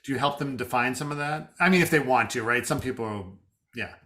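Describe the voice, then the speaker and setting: A man's voice: mid-range voice, pushed and bright. A man hosting a casual podcast conversation, enthusiastic and affirming. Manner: enthusiastic, affirming, quick asides. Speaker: podcast host.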